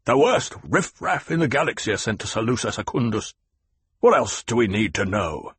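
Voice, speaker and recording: A man's voice: on the low side, very animated, normal speed, a bit bright, slightly rough, full character voice. A man voicing a fat, petulant male nobleman who blusters and makes demands. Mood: blustering. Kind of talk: audiobook character voice.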